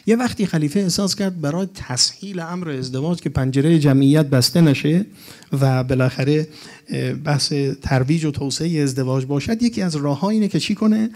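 A man preaching to a gathering, delivering a religious lecture in an emphatic way and reciting Arabic quotations. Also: fairly high pitch. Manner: emphatic, rising to animated peaks with Arabic quotations.

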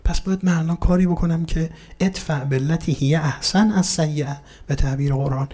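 A man delivers a religious lecture in a somewhat high, mellow voice. He keeps asking his listeners questions and answering them himself, and he speaks to them courteously, as to dear friends. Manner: addresses listeners politely and warmly. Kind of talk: explanatory religious talk.

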